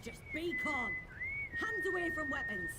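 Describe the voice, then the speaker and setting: An actress voicing a wary armed guard in a video game, giving slow, firm commands. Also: female voice, high-pitched, big pitch swings, very noisy. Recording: game audio with loud ambience.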